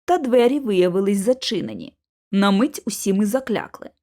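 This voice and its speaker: A woman reading an audiobook aloud with clear, expressive narration. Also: medium pitch, normal speed. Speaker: audiobook reader.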